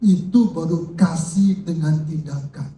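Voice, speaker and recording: An older man preaching a sermon as pastor, lively and joking with his congregation. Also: on the high side, a little slow, slight background noise. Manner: lively, jokes with the congregation and calls out to them. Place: church hall. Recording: echoey hall, mic from far off.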